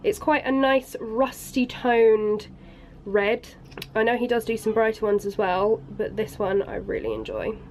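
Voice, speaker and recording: A congested beauty vlogger, sick with a cold, reviews makeup in a chatty, apologetic way full of ums, recording in her bedroom by a busy road. Her voice is on the high side and darkish, steady in tone and a little slow, and the poor audio carries slight background noise.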